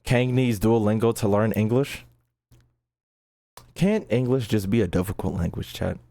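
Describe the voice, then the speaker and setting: With a lowish, creaky, mellow voice at a normal pace, this streamer reads in-game text aloud and trips over it often. Between lines he chats casually, swearing, using slang, and hammering phrases home by repeating them.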